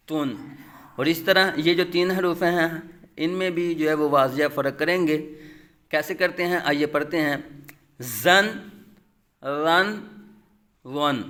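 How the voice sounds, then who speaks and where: A high, bright male voice with a Pakistani Urdu accent leads a tajweed lesson. He draws each letter name out long and slow, then moves into brisk, plain explanation. The delivery is patient and methodical. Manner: drawn-out sung letter names, then quick plain explanations. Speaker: Quran recitation teacher.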